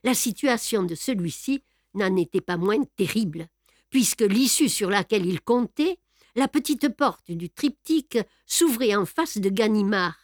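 A woman narrating a classic adventure novel aloud in a measured, expressive reading. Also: medium pitch, no echo, studio quality. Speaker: reader. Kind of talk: audiobook narration.

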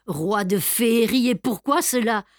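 A woman reading aloud and voicing a proud, boastful male gentleman thief in a storybook. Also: a little high, a little slow, no room sound, clean studio sound, natural voice. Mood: grandiose. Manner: grandiose, boastful, then hushed and tender. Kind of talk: audiobook reading.

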